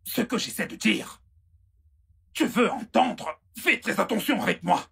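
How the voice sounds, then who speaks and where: A menacing schemer at a royal court in a film dub, full of veiled threats. His voice is deeply gravelly and husky, and he speaks slowly. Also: lively intonation, bright, forceful tone, heavily acted. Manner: threatening, insinuating. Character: menacing royal schemer hinting at a rival's death.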